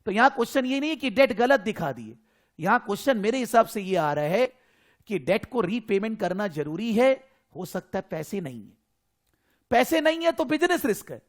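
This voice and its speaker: A man's voice: high voice, sing-song, moderate pace. A man with an Indian accent teaching an accounting class, explaining in a mix of Hindi and English. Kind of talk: online class lecture.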